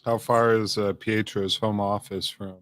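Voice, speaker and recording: A low-voiced man co-hosts a casual studio chat, chiming in with short, joking remarks. His voice is recorded dry and close. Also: level tone, measured pace, fairly bright tone, no echo. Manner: brief interjections, joking.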